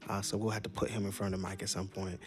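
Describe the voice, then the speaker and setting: A man's voice: low-pitched, level tone, rapid-fire, breathy edge. A man hosting a live music stream, chatting casually in an earnest, rambling way. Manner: earnest and rambling, with many restarts. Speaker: show host and singer.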